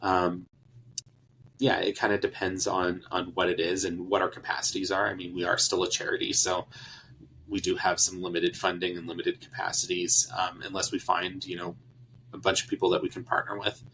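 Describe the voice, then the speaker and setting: A man answering interview questions about his charity's work, relaxed, with many fillers and restarts. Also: deep voice, moderate pace, a little hiss or hum, poor audio.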